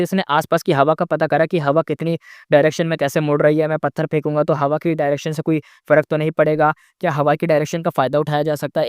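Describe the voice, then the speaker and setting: A man retells a fantasy novel in a chatty way, breaking off for asides and fixing his own slips. His voice is smooth and sits a little high. The sound is close and dry. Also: dry recording. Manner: chatty, with asides and self-corrections. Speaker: novel explainer. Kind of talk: casual story retelling.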